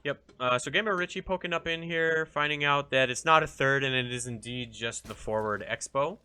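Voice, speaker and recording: Guy casting a game stream, bright voice, swears a lot, super casual. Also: mid-range voice, fairly quick, smooth, no room sound. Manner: loose and chatty, swears freely. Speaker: esports caster. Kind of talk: casual live game commentary.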